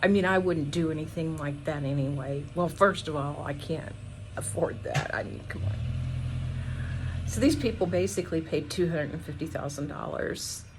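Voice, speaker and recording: A middle-aged woman chatting casually to camera on her front porch, rambling in a conversational way with trailing pauses. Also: low voice, lively intonation. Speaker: vlogger. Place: outdoors on a small front porch. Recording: noticeable outdoor background noise. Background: outdoor ambience.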